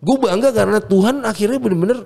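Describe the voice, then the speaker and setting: A man, a music producer telling a personal faith story in a casual chat, fervent and animated, with English words slipped into his slang. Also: high voice, quick pace, creaky.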